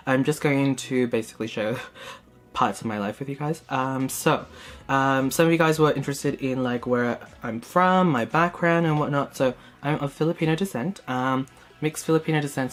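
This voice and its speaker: A young man from Hong Kong, a beauty vlogger, chatting casually with many fillers while narrating his makeup steps in a small room. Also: mid-range voice. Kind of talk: casual get-ready-with-me chat. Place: small indoor room, plain backdrop.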